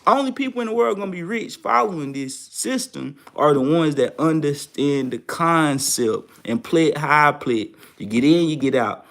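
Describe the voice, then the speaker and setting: A man's voice: fairly high pitch, moderate pace, creaky, hardly any pauses, a bit bright. A young man hosting a trading show, talking casually and repeating phrases for emphasis. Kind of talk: casual advice talk to viewers.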